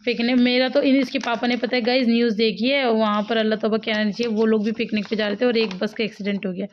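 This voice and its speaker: A woman's voice: a little high, steady tone, fast talker, slight background noise. A woman from India, a mother, chatting casually to viewers in a home vlog. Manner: chatty, talks straight to viewers as "guys". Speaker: family vlogger and mother. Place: at home, indoors. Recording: dull lo-fi home recording.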